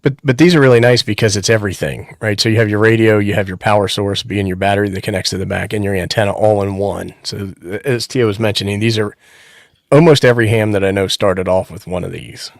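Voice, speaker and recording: Man, ham radio reviewer, fast talker, gravelly, low voice. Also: steady tone, dry recording, clean studio sound. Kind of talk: live stream discussion.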